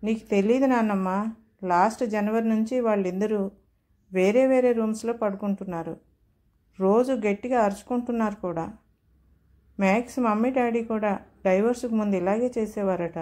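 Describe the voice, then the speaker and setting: A woman's voice: mid-range voice, normal speed, dark tone, close to an everyday voice. A woman voicing a little boy who is tearful and worried about his parents. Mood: childlike tearful. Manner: sobbing childlike pleading.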